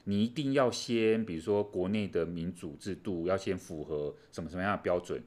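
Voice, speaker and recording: A man's voice: low voice, a little fast, a little mellow. A man co-hosting a casual chat on world affairs, explaining things animatedly with many fillers. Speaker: co-host.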